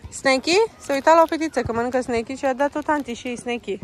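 A woman's voice: high-pitched, slight background noise. A woman from Romania, vlogging with a handheld phone in a town park, talking to her toddler in a coaxing sing-song way and slipping into English words. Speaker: vlogger and mother. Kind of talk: casual vlog chat with her toddler.

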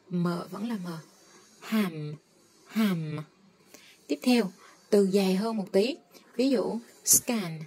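A woman teaching English phonics, slowly drawing out and repeating each sound as she models it. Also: medium pitch, mellow, slight background noise. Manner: slow, drawn-out modeling of sounds. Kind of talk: phonics lesson.

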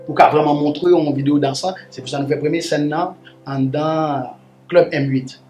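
A man speaks with a tinge, his voice sitting a little high. He tells a story casually, looping back with repeated words and "là" fillers. The room echoes and faint music plays under him. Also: fairly even intonation, normal speed, darkish tone. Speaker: guest musician.

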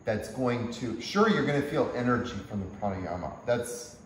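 A man giving a workshop-style yoga lecture in a gentle, unhurried way, with frequent chuckles. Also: mid-range voice, lively intonation, far from the mic, a little hiss or hum. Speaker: yoga teacher. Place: teaching hall at a yoga retreat center. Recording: echoey room.

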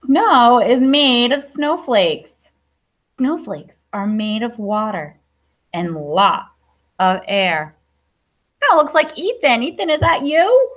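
A woman of about thirty, a primary school teacher, reads to young children in an indoor classroom with careful enunciation and chatty questions to her listeners. She speaks slowly in a slightly high, sing-song voice, and the audio sounds dull.

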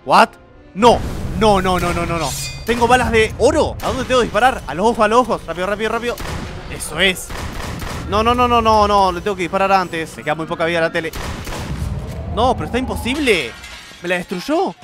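A young man with a Rioplatense accent talks his way through a creepy game in a high, jittery voice. He yelps and frets at every scare. Faint music plays underneath. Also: lively intonation, brisk. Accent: Rioplatense Spanish. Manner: jumpy, nervous, yelps at scares. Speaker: gameplay streamer. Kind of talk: horror gameplay commentary.

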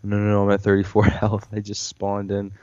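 A man's voice: on the low side, monotone, a little fast, darkish tone, dry recording. A man playing along in voice chat, casual and easily panicked, repeating "no" when things go wrong. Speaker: co-player. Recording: dull voice chat with faint hiss.

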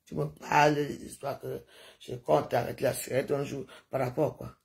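A woman's voice: very deep voice, flat delivery, moderate pace, vocal fry, a little mellow. An older woman chatting to her viewers in a rambling, digressive livestream monologue, sprinkling in sound-effect noises.

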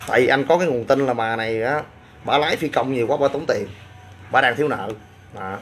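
A man's voice: medium pitch, fast, slight background noise. A man with a Southern Vietnamese accent, a gym owner chatting casually on a livestream and answering comments with boastful, crude banter.

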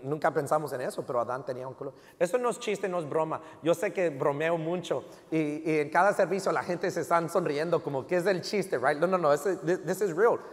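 A middle-aged pastor with a Mexican American accent preaches in a lively, joking way, tossing in English tags as he goes. His voice sits a little high for a man. It rings out with the long reverb of a church hall. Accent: Mexican American Spanish with English code-switching. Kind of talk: sermon. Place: church sanctuary.

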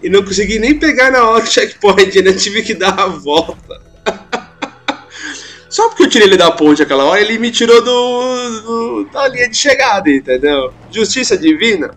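A man's voice: high voice, expressive, normal speed, fairly bright tone, a little hiss or hum. A young man with a Brazilian Portuguese accent, casually commenting over his own gameplay, joking about his mistakes and laughing often. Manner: self-mocking, chatty, laughs often.

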